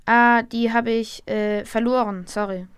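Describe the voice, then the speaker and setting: A bullied schoolboy in an amateur audio drama, acted out by a woman. The voice is high and clear, hurt and pleading, recorded close and dry. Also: fairly even intonation, unhurried, dry recording, lightly acted. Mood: evasive.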